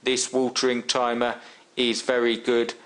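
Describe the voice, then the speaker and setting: Silly robot-voiced reviewer, a man doing the voice, flat and mechanical. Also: medium pitch, a little slow, natural voice. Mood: flat monotone. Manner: flat, monotone, mechanical delivery. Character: stiff robotic man reading a dull product review.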